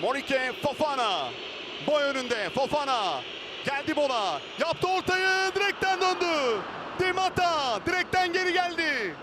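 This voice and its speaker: Male football commentator, very high-pitched, excitable screaming play-by-play over heavy stadium noise. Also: unhurried. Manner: excitable, screaming out goals and names. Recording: loud stadium crowd noise behind voice. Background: roaring football crowd.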